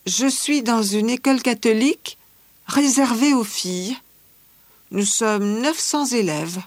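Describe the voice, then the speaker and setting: A friendly teenage schoolgirl, played by a woman talks slowly and clearly in a scripted language-exam interview. Her voice sits fairly high for a woman. The recording is dry and close, with no room sound. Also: dry recording. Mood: calm chatty. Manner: measured, clearly articulated scripted delivery. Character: cheerful teenage Australian schoolgirl, fashion-loving.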